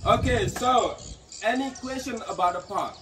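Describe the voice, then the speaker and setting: A man with an Indonesian accent speaks in a very high-pitched, animated voice and takes his time. He is a local tour guide outdoors in a pottery village, casually explaining pottery making to tourists while joking and apologizing. The distant outdoor camera audio picks up roosters and village ambience.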